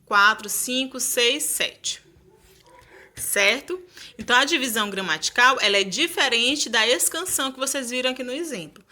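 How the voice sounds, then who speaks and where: A woman's voice: mid-range voice, pushed and bright. A woman teacher explaining a lesson to her students, asking them rhetorical questions as she goes.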